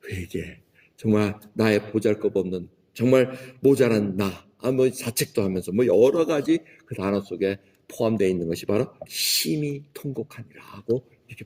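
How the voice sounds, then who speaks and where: Husky-voiced male pastor preaching. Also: on the low side, dark tone. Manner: conversational preaching, acting out quoted dialogue. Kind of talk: sermon. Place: church sanctuary. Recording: long hall reverb.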